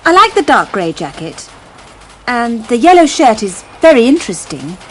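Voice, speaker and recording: A woman's voice: a little high, big pitch swings, drawn-out words, slight background noise, full character voice. A woman acting in a scripted course dialogue, tactful and carefully polite.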